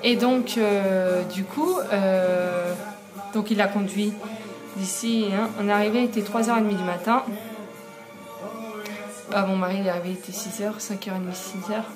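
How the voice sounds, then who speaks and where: A woman's voice: medium pitch, fairly even intonation, moderate pace, long pauses, over music. A young woman telling a story in a casual vlog, chatty, with many fillers and frequent laughs. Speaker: vlogger.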